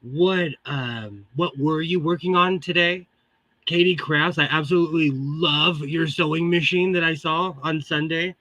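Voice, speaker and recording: Bright, chatty man with tinny metallic sound. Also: a little high, steady tone, measured pace, dry recording. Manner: chatty, exclamatory, greets viewers. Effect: tinny, metallic tin-can microphone sound. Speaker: livestream host, sewing hobbyist. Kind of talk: casual livestream chat.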